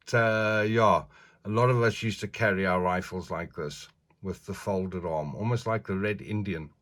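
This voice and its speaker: An older man with missing teeth and slightly slurred consonants, giving a casual, chatty, rambling show-and-tell as a collector. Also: fairly low pitch. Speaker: figure collector presenting a review.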